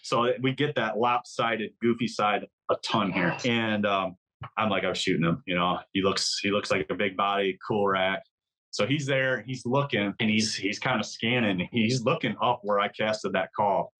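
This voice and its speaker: A man's voice: fairly low pitch, normal speed, bright, forceful tone, rough recording. A man from Michigan, a podcast guest, telling a hunting story in a casual, vivid way, full of "like"s and mimicked deer calls.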